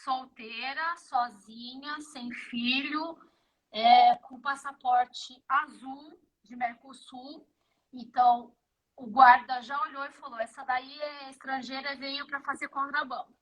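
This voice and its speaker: A Brazilian woman in her fifties with a Brazilian Portuguese accent and a notably high voice. As an interview guest she tells her stories with energy and acts out every exchange herself. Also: slow, rough recording. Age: 50s. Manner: animated storyteller who acts out the dialogue. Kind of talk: casual interview chat.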